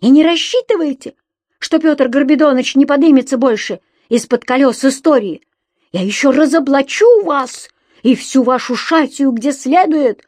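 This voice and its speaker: Woman reading as a shrill petty official, falsetto squeal, sneering, clipped, dry close sound. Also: moderate pace, darkish tone, no room sound, natural voice. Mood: indignant shrill. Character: shrill, touchy former house-committee chairman, middle-aged man. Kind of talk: audiobook reading of a novel.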